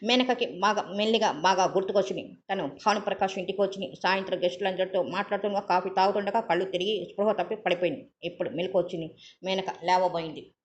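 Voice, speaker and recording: A woman reads a novel aloud in a calm, steady storytelling manner. Her voice sits at an ordinary middle pitch. The recording is dull and lo-fi. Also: fast. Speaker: story reader. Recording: dull lo-fi audio.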